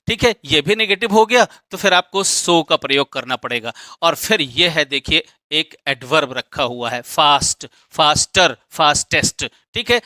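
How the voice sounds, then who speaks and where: A male grammar teacher with a bright, slightly high voice, recorded close and dry with no room sound. He walks through each example step by step, putting questions to his students and answering them himself. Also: no echo. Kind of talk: explaining a grammar lesson.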